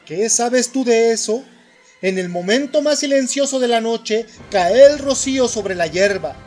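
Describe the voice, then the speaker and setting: A grave, commanding inner voice with no body speaks through a man narrating an audiobook. It sits high in pitch and presses the listener with urgent questions. Soft music plays faintly underneath. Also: expressive, measured pace. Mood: stern. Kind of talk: audiobook reading.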